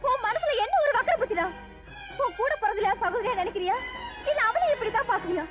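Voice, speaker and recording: Scornful young woman, very high shrill voice, loud music over dull old film sound. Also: expressive, fairly quick. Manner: sharp, scornful. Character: outraged young woman scolding a lecher.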